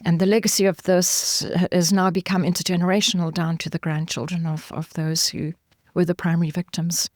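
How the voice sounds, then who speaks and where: A middle-aged woman from Zimbabwe speaks in a fairly low voice, measured and earnest, pausing with ums as she explains. The sound is dry and close, with no room around it. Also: level tone, no echo. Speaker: guest, forensic anthropologist. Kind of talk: thoughtful interview answers.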